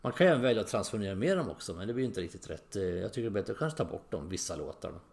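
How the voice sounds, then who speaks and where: A middle-aged man talks on his own in a loose, chatty podcast monologue, stopping often on fillers. His voice sits fairly low with a gravelly rasp. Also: lively intonation, darkish tone. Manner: chatty, rambling, many fillers. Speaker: podcast host. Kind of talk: casual monologue.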